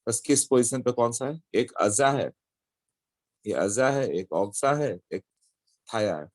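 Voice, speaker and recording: A man's voice: mid-range voice, lively intonation, a little slow, darkish tone, no echo. A man teaching a chemistry lesson, explaining step by step and checking in with his students as he goes. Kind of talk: classroom lecture.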